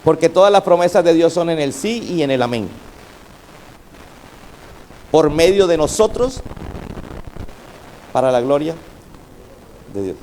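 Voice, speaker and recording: A man's voice: a little high, expressive, measured pace, long pauses, a little mellow, a little hiss or hum. A middle-aged male pastor preaching a sermon with fervor, calling out to his congregation for responses.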